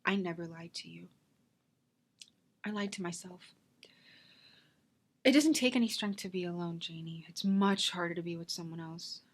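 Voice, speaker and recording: In a self-taped drama scene, a woman with a voice on the low side plays a wistful, defensive character nearing thirty. She speaks earnestly with emotional pauses, sounding pleading yet firm.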